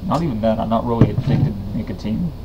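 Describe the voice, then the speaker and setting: A man's voice: on the low side, quick pace. Young man, Southern US accent, lip full of dip, casual reviewer, dull noisy webcam sound. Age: young adult. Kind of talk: casual chat product review. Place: small room indoors. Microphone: webcam or computer mic at arm's length.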